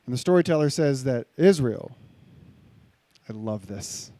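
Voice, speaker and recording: A middle-aged male pastor giving a live sermon, conversational and animated, joking with and directing the audience. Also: mid-range voice, a little slow, no room sound.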